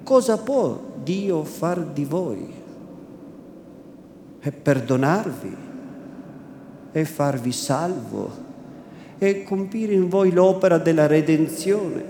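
A man voicing a solemn, humble bishop who speaks calmly and deliberately, as a theatrical reading. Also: fairly high pitch. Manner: solemn, calm, slow and deliberate. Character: solemn elderly male bishop, gentle and humble. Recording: echoey room with background noise.

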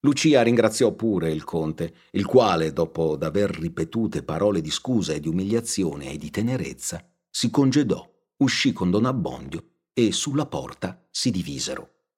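A man narrating a classic novel aloud in a measured, steady audiobook reading. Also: sits low, husky.

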